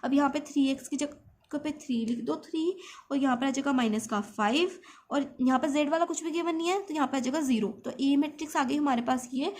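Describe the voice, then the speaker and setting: A woman with a high, light voice walks students through a maths lesson step by step. She explains patiently and keeps checking in with them as she goes. A faint hiss sits under the recording. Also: fairly quick, darkish tone. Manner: explains patiently, often checks in with "theek hai". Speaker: maths teacher.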